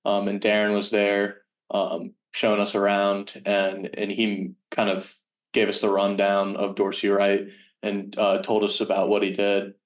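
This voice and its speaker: Sounding a good way from the microphone, a man in his early twenties gives casual interview answers as a podcast guest. His voice is on the low side and very monotone. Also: unhurried. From Virginia, United States. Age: early 20s. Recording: distant from the microphone.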